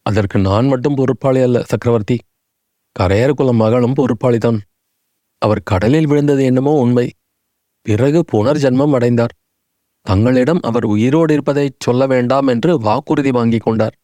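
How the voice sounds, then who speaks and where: A dignified old minister full of remorse, as a man reads him. He pleads humbly in a dark, mellow voice. The recording is close and dry. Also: medium pitch, moderate pace, dry recording, lightly acted. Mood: remorseful.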